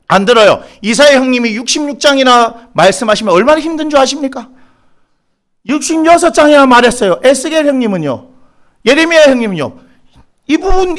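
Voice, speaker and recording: Animated Gyeongsang pastor preaching. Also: male voice, extremely high pitch. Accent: Gyeongsang Korean. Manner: animated, teasing the congregation by name, bursts of exasperation. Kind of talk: sermon.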